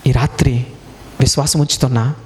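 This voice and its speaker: A man's voice: fairly even intonation, moderate pace, long reverb tail. A man preaching a sermon with passion, building to urgent appeals to the congregation and viewers. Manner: impassioned, rising to urgent high-pitched appeals.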